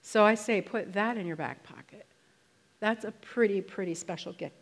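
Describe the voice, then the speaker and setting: A woman preaching a sermon to a congregation, in a conversational, emphatic way that slows down to stress key phrases. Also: medium pitch, creaky.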